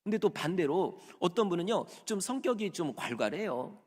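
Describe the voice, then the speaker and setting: A man's voice: sits high, normal speed, slightly rough. A male pastor preaching a Sunday sermon in a church sanctuary, acting out the voices of the people in the story he tells. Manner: lively preaching, acts out servants' voices in quotes. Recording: long hall reverb.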